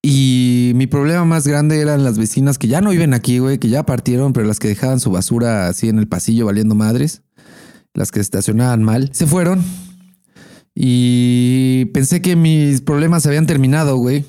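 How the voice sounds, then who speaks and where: A man's voice: mid-range voice, moderate pace. Mexican man telling a crude story. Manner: swears freely, animated storytelling. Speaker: podcast co-host. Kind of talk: casual crude chat.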